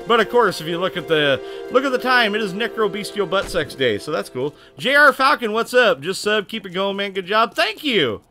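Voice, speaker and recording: A man's voice: sits high, big pitch swings, normal speed, hardly any pauses, pushed and bright, soft background music. A man hosting a casual gaming livestream, talking in a rowdy, crude way and thanking viewers by name. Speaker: livestream host.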